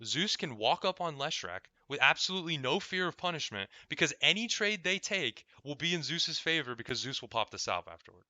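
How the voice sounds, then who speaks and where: Guy coaching a gamer, super bright sharp voice, dry close sound, keeps asking right? and cursing casually. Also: on the high side, sing-song, a little fast, hardly any pauses, dry recording. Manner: explains step by step, keeps checking in with "right?", swears freely. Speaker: game coach. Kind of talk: casual coaching over a gameplay replay.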